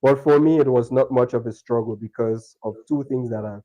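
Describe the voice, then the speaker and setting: A young man from Liberia talks over a video call as an interview guest. His voice is mellow and warm, and he speaks in a chatty way, often restarting his sentences. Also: mid-range voice, brisk, low-quality recording. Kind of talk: remote interview conversation.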